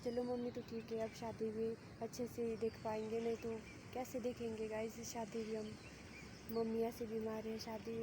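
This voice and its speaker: A young woman with a Himachali accent, chatting softly and quietly in a casual vlog, recorded outdoors on a phone with no mic. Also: on the high side, completely flat delivery, normal speed, noisy background. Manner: soft-spoken, quiet voice. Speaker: vlogger. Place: outdoors at home, village. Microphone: phone camera, no mic.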